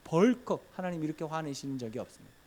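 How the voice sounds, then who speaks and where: A man's voice: expressive, fast talker, darkish tone, slight background noise. A man pastor giving a Sunday sermon in a church, acting out scenes dramatically. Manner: dramatic, acts out scenes with big pitch swings. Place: church sanctuary.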